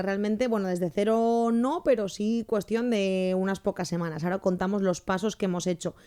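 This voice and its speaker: Chatty woman with a mellow voice. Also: mid-range voice. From born in Canada, raised in Spain. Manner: chatty, leads the talk with questions. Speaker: podcast co-host. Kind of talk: casual podcast chat. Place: farmhouse among orange trees.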